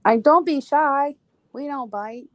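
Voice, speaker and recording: A woman's voice: sits high, takes it slowly, no echo. A woman hosting a casual live-stream chat, teasing and laughing often. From Saint Louis. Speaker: host.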